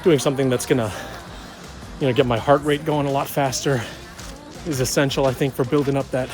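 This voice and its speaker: A man's voice: mid-range voice, steady tone, fairly quick, darkish tone, faint music behind. Joking breathless guy on a run. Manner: joking, loose, lots of "like". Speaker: vlogger. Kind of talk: casual vlog chat. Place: outdoors on a run.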